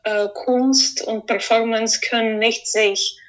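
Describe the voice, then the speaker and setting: A fairly high-voiced woman speaks slowly in an interview. She searches for her words and leaves many hesitant pauses. She speaks as a composer explaining her work. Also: fairly even intonation, low-quality recording. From Ukraine. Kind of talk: interview answers.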